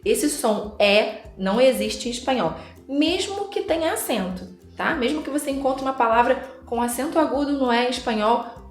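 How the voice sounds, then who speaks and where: A woman's voice: high voice, roomy sound. A woman from Rio de Janeiro with a Carioca accent, teaching a language lesson patiently, drawing out example words and checking in with the listener. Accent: Carioca Brazilian Portuguese. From Rio de Janeiro, Brazil. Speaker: Spanish teacher.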